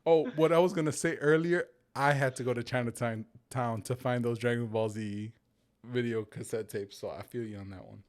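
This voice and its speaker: A young man hosting a casual podcast chat, telling animated stories with lots of excitement. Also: mid-range voice, moderate pace. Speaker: podcast host.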